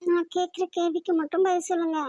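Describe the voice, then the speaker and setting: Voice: very high-pitched, flat delivery, fast talker, warm tone, no room sound, faint music behind. A woman voicing a tearful, earnest young wife in a cartoon, with a Kongu Tamil accent and a pleading, questioning way of talking. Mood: hurt, pleading. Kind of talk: cartoon voice acting. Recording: dull dry lo-fi recording.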